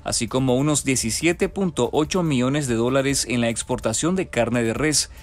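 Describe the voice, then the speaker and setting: A man reading a scripted news voice-over in a steady, formal newsreading manner. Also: mid-range voice, normal speed. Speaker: news narrator.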